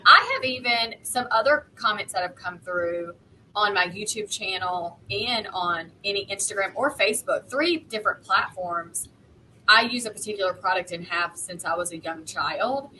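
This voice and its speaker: A woman speaks in a bright, clear-cut voice at a middle pitch. She is frank and matter-of-fact, as in a casual discussion among peers, with some noise in the room behind her. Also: lively intonation, moderate pace, rough recording. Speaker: online content creator and panelist.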